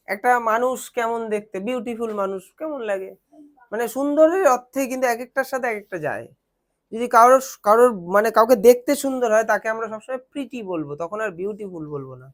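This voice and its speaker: A young woman teaches children translation, patiently asking questions and answering them herself. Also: a little high. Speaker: tutor.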